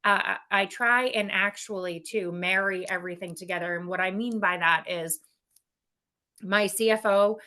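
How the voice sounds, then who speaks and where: A woman's voice: mid-range voice, normal speed. A woman guest in a casual interview, talking candidly and energetically with frequent laughs. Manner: energetic and candid, laughs often, many restarts. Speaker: guest, business executive.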